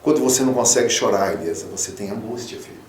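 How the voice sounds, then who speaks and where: A man, a pastor, preaching a radio sermon, fatherly and emphatic, swinging from loud peaks to soft low tones. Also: fast, roomy sound, recorded from a distance. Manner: fatherly, calls listeners 'filho'. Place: radio studio.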